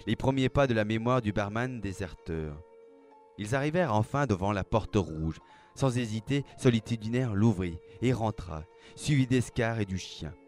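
A man reads a story aloud in a measured, dramatic manner. His voice sits a little low. Soft music plays quietly under the narration. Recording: faint background music.

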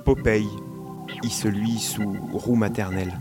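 A man's voice: fairly low pitch, steady tone, a little slow, music in the background. A man reciting rhythmic spoken-word poetry in clipped, short bursts of wordplay.

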